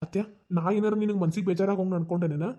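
A woman's voice: fairly low pitch, steady tone, rapid-fire, dark tone, natural voice. A woman voicing a caring young man who reassures his aunt, in a Dharwad Kannada accent. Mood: reassuring. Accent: North Karnataka Dharwad Kannada. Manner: reassuring, persuasive. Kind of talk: cartoon voice acting.

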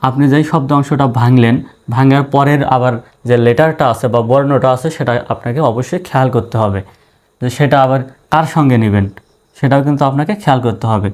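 Male teacher, average pitch; patient, repetitive letter-by-letter explaining. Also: fairly quick, a little mellow. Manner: patient, spells letters out one by one and repeats. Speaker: English teacher. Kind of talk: spoken spelling and pronunciation lesson.

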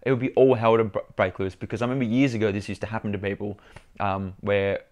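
A young man with a fairly low voice talks straight to camera in a casual vlog. He is chatty and animated, telling his story with restarts and repeated words. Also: fast talker. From Australia. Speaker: vlogger.

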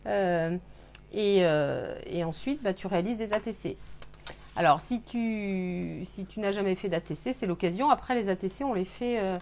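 A woman hosting a live scrapbooking workshop, explaining techniques with many pauses and fillers. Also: mid-range voice, darkish tone, a little hiss or hum. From France. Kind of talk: live craft demonstration. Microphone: webcam on a live stream.

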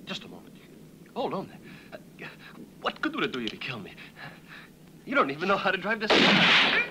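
An actor dubbing a wisecracking American adventurer who talks in a joking, persuasive way. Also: male voice, sits high, wildly swooping pitch, normal speed, noisy background. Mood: nervous. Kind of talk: dubbed film acting.

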